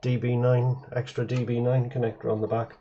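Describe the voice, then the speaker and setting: A man's voice: mid-range voice, level tone, brisk, warm tone. A man giving a casual show-and-tell of computer hardware at a home workbench. He rambles, hesitates and often corrects himself mid-sentence. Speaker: retro computer hobbyist presenter. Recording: slightly dull, muffled audio.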